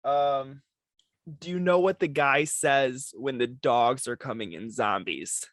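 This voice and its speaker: A man's voice: mid-range voice, takes it slowly, fairly bright tone, no room sound. A man co-hosting a casual podcast, leading the segment in an easygoing, chuckling way. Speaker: podcast co-host. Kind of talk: casual chat.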